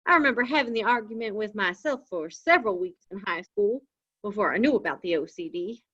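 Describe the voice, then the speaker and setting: A woman's voice: mid-range voice, animated, brisk, a bit bright, husky. A woman doing a folksy cowboy-drawl young man. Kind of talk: live script reading. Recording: dull lo-fi audio.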